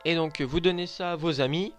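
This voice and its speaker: A man's voice: fairly high pitch, a little fast, faint music behind. A man from Lorraine in France, hesitantly presenting his handmade collection in a casual show-and-tell video, with many filler sounds.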